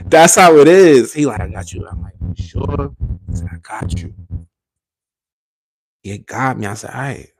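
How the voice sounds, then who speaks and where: A man hosting a podcast, talking casually in a rambling, animated way with slangy asides and quoted voices. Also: on the low side, unhurried, long pauses. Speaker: podcast host. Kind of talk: casual solo podcast chat.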